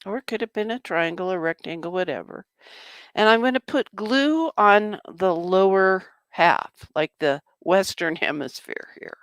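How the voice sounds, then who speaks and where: A woman's voice: medium pitch, measured pace, fairly bright tone, no echo. A woman casually demonstrating a journal-making craft project, chatting to herself as she works. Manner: chatty, talks to herself while working. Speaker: craft vlogger.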